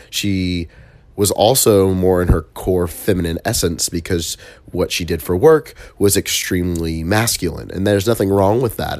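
A low-pitched man talks in a dry, close sound, his nose audibly blocked so the voice comes out congested and nasal. He delivers a casual motivational monologue like a coach hosting his own show, informal and earnest, with emphatic pauses. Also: darkish tone, no room sound. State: stuffy nose. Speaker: host, relationship coach.

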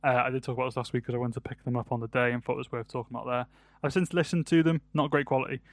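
A man's voice: medium pitch, steady tone, racing, no room sound. Young British man who says th as f. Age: early 20s. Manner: th-fronting, says th as f; hesitant, self-correcting. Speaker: podcast co-host. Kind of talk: casual album review chat.

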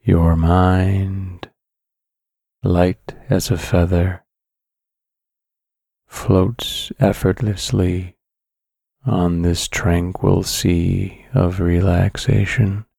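Deep, very slow male sleep story narrator. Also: creaky, slightly rough, no room sound, studio quality. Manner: calm, soothing, measured delivery with long pauses.

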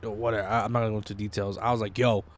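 A man co-hosting a podcast, telling a rambling, profanity-filled story in casual chat, saying bro and dude constantly and bursting into loud reactions. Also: on the low side, rapid-fire. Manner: animated, jumps into loud acted-out reactions. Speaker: podcast co-host.

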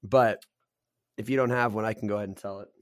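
A man's voice: on the low side, fast talker, no room sound, studio quality. A man hosting a podcast, telling bar stories in casual chat and swearing freely. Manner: swears freely, excitable storytelling. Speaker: podcast host.

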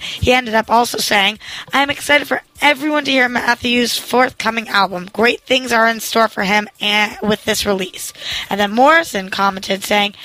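Bright young woman reading celebrity news. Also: fairly high pitch, low-quality recording. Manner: reads news items aloud with quips, self-deprecating. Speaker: entertainment news host. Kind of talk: casual celebrity news chat.

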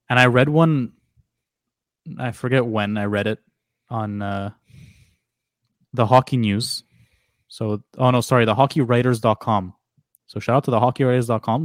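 A man co-hosts a casual sports podcast in a medium-pitched voice. He reads lists and rules in a flat, measured way. The sound is close and dry, with no room around it. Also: no room sound. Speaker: podcast co-host.

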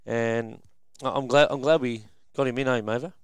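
A man's voice: mid-range voice, fairly even intonation, moderate pace, smooth, no room sound, clean studio sound. An Australian man hosting a sports radio show, chatting and interviewing in a casual, matey, plain-spoken blokey way.

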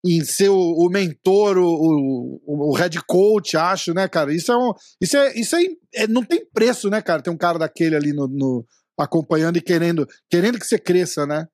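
A man's voice: on the high side, moderate pace, few pauses, darkish tone, no room sound, studio quality. A man from Brazil hosting a podcast, asking rambling questions full of restarts. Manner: hesitant, many restarts and fillers. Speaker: podcast host. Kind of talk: casual interview chat.

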